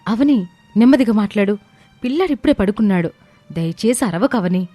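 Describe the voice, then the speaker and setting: A woman voicing a gentle, poor woman who pleads and soothes softly in a storybook. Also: medium pitch, lively intonation, fairly quick, no echo, soft background music, voice pushed up, close to an everyday voice. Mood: pleading. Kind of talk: storybook character voice.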